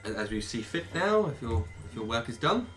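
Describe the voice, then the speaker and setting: A man chatting casually as a player in a tabletop game, wry, wordy and a little halting. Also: medium pitch, big pitch swings, a bit bright, faint music behind.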